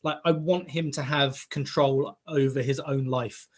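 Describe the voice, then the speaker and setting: A man in his thirties co-hosting a casual podcast, telling a rambling, animated story full of "like" and "right?" and acting out bits of dialogue. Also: medium pitch, unhurried. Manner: acts out quoted dialogue in the story. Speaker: podcast co-host, father of a young boy. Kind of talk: casual chat.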